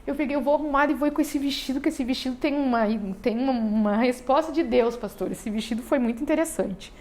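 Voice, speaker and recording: A nervous woman with a gaúcha accent from southern Brazil gives a heartfelt church testimony. Her voice sits fairly high, and she rambles with many fillers and self-corrections. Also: quick pace, darkish tone. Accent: southern Brazilian, Rio Grande do Sul. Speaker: church member giving testimony. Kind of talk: emotional personal church testimony.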